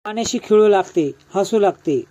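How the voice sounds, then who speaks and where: A man narrating a recap of a television serial episode in a steady, even retelling that weaves in quoted dialogue. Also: high voice, normal speed, highs cut off.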